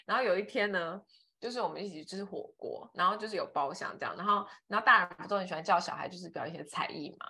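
A woman co-hosting a podcast in casual chat, an animated storyteller who laughs often. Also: fairly low pitch, fast talker, creaky. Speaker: podcast co-host.

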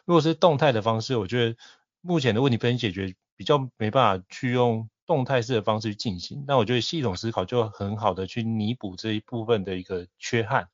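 A man's voice: mid-range voice, no echo. A man, a podcast host who enthusiastically recommends and asks probing questions. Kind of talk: interview questions and commentary. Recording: dry, slightly dull audio.

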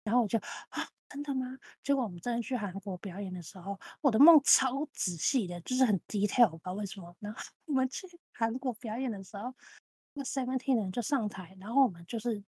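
A woman's voice: mid-range voice, fast, slightly rough, no room sound. A woman in her thirties, a podcast co-host, telling a long anecdote in casual chat, repeating phrases as she goes. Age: 30s. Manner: animated storytelling, repeats phrases.

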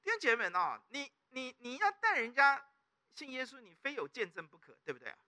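A middle-aged male pastor with a Taiwanese Mandarin accent preaches a sermon in a very high, brisk voice. His delivery is animated, and he often prompts the congregation with call-and-response questions.

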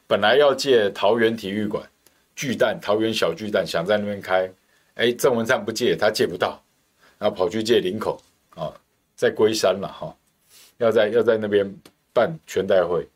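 A man's voice: fairly low pitch, moderate pace. A middle-aged man from Taiwan hosting a political talk show, delivering a scornful, heated monologue full of hammering rhetorical questions.

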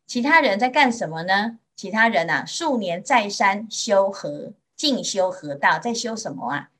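A Buddhist nun from Taiwan giving a Mandarin sermon in a gentle storytelling manner, with drawn-out particles and a Taiwanese accent. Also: female voice, medium pitch, expressive. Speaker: Buddhist nun teaching sutra.

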